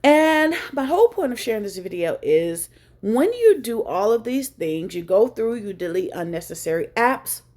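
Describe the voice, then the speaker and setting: A woman's voice: fairly high pitch, big pitch swings, normal speed, darkish tone. A woman hosting a casual phone tutorial, chatty and joking, thinking aloud as she goes. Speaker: tech tutorial host. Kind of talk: casual screen-share tutorial.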